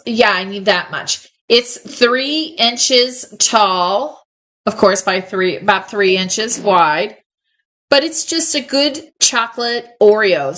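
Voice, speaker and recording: A middle-aged woman hosts a live online ornament sale, chatting casually and enthusiastically and laughing often. Her medium-pitched voice is a bit bright, picked up by a close mic on the live stream.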